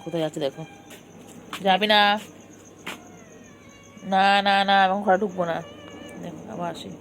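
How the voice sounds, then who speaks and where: A woman's voice: on the low side, steady tone, normal speed, slight background noise. A woman talking to her pet cat at home at night, coaxing it in a sing-song voice and repeating words over and over. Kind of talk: casual baby talk to a cat. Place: home at night, in and around the house.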